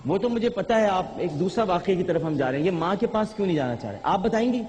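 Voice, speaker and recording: A man's voice: high voice, expressive, fast talker, darkish tone. A man hosting a live TV show, coaxing and insistently questioning the people with him. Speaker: TV show host. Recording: hall reverb, faint noise.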